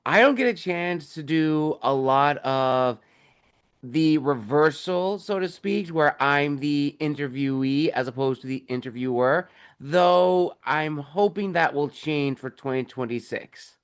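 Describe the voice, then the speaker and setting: Speaking a little slowly in a slightly high, clean-toned voice, a young man discusses his books with obvious excitement. He's an author and podcast host taking part as a guest in a casual video-call interview, and his lengthy answers are full of fillers.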